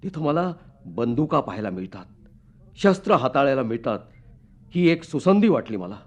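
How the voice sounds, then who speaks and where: An actor playing a fiery young revolutionary husband in a radio drama, intense and declamatory, swinging from hushed tones to fervent outbursts. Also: male voice, mid-range voice, sing-song, normal speed, dull audio. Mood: resolute.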